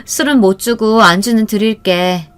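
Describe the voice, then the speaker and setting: A woman's voice: medium pitch, moderate pace, clean tone, faint music behind, lightly acted. Lady doing a chatty older pub mom, friendly n welcoming. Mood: cheerful. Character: cheerful older mother running a pub, woman.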